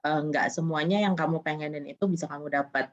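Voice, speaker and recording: Low-voiced woman moderator, dull audio. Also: fast talker. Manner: brief acknowledgements, summarizing. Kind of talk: moderating an online talk.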